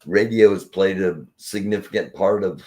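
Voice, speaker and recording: An older man in his sixties from Indiana with a low voice, chatting on a casual show. He rambles in a folksy way, circling back with restarts and easy laughs. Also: normal speed, mellow. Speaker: podcast host. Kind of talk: casual reminiscing chat.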